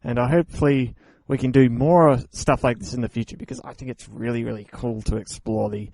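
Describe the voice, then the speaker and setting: A man's voice: medium pitch, steady tone, brisk, gravelly, a little mellow, dry recording. A man hosting an online radio show, signing off in a playful, rambling, joking way. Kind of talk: casual show sign-off chat.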